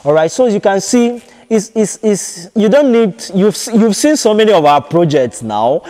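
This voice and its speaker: A man's voice: sits high, expressive, moderate pace, mellow. Nigerian-born man touring a concrete fish farm. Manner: hesitant, repeats phrases, many fillers. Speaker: fish farm consultant giving a site tour. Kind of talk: walking video tour. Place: large concrete fish farm buildings, partly open-air. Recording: long reverb in bare concrete halls.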